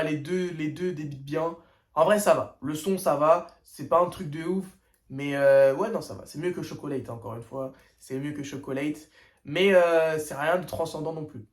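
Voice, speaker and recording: A young man hosting a casual first-listen music reaction, talking in loose slang with lots of hesitations and filler. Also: a little high. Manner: slangy, hesitant, full of "tu vois" and "euh". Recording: echoey room.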